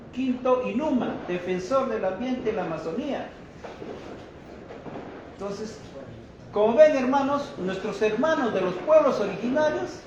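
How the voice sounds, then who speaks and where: A man with a high voice delivers a slow, deliberate press conference statement, denouncing and calling his listeners brothers. The sound is very echoey and dull, with faint noise behind him. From Peru. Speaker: activist speaking at a press conference.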